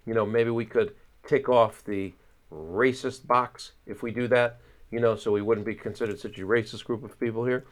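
Medium-pitched man giving wry political analysis. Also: steady tone, normal speed. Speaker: guest political analyst and pollster. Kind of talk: conversational interview commentary.

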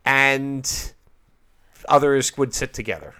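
A man's voice: medium pitch, expressive, slow, sharp tone, smooth. A man hosting a political talk show, speaking conversationally in a wordy, emphatic way with rhetorical repeats. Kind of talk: conversational broadcast interview about politics.

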